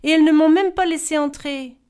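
A woman's voice: sits high, fairly quick, dark tone, pitched above the performer's own voice, lightly acted. A woman voicing a poor unlucky young girl who speaks up in a raised, pleading way. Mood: indignant.

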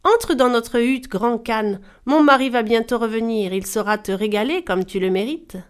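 Woman doing a sly young wife, playful fake-respectful, kinda high. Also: animated, moderate pace. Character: clever young wife Karachash, bold and cheeky.

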